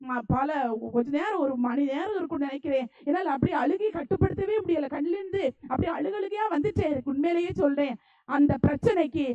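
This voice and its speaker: A woman's voice: high voice, mellow, muffled recording. A woman preacher from Tamil Nadu with a Tamil Nadu accent, delivering a fervent sermon and repeating phrases for emphasis.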